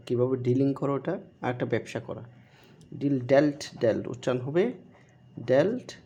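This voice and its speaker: A man teaching an online English grammar lesson, slowly repeating verb forms to drill pronunciation. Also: medium pitch, mellow, slightly rough.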